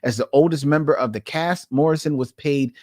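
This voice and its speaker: A man's voice: fairly high pitch, a little fast, a little mellow, no room sound, studio quality. A man co-hosting a podcast in casual chat, laughing often and reading listener posts aloud. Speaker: podcast co-host.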